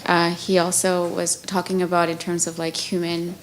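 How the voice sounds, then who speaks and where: A woman's voice: on the low side, completely flat delivery, normal speed, slight background noise, poor audio. A woman who grew up in Bangladesh and Thailand, asking a panel a frank, informal question from the audience.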